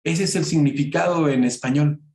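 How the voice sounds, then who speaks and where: A man teaching a Bible study lesson, calling his listeners brothers and often pausing on "este". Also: on the high side, a little mellow, reverberant. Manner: slow and unhurried, many filler "este", addresses listeners as brothers.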